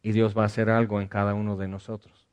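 A man, a pastor, preaching and leading a congregation in prayer, calm and measured, often dropping to a soft voice. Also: on the low side, smooth.

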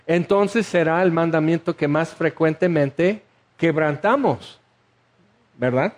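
Animated preacher, man. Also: a little high, slow pace. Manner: animated, asks the audience questions, acts out scenes. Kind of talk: sermon.

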